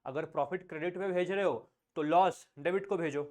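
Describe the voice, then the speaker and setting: A man with an Indian accent teaching accountancy in a classroom lecture, dictating notes slowly and repeating key phrases, mixing English and Hindi and quizzing his students. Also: on the high side, a little mellow.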